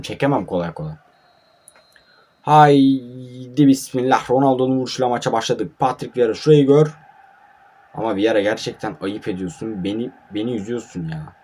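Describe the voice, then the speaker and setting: A man's voice: medium pitch, husky. Sleepy, grumbling young man gaming. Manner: sleepy and grumbling, erupting into frustrated shouts at his players. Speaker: mobile football gamer. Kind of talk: casual live gameplay commentary. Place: at home at night.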